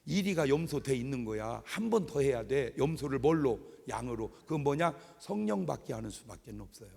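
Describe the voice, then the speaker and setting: A middle-aged man preaching a revival sermon as pastor, joking and acting out scenes in an animated way, in a large church sanctuary with an echoey hall. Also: mid-range voice, brisk, vocal fry, husky. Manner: animated, joking, acts out wailing mourners. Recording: echoey hall with long reverb.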